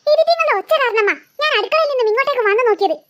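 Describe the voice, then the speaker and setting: A woman's voice: very high-pitched, lively intonation, rapid-fire, a bit bright, no echo, studio quality. A woman voicing a scolding cartoon mum. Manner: scolding, exasperated, sighing. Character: harried cartoon mother, scolding her daughters. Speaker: mother.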